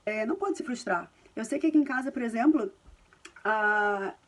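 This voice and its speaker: A woman's voice: on the high side, lively intonation, moderate pace. A woman in her thirties from Brazil with a Carioca accent, talking casually to camera from home, reassuring and chatty, with many tag questions. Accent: Carioca Brazilian Portuguese. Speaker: parenting and language vlogger. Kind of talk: casual advice talk to camera.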